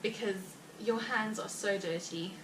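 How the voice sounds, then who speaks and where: This heavily pregnant vlogger, speaking with a South African Afrikaans accent, chats loosely and ramblingly with her viewers, dropping in fillers and short laughs. Her mid-range voice comes from far off the mic in a roomy space, with a steady noise running underneath.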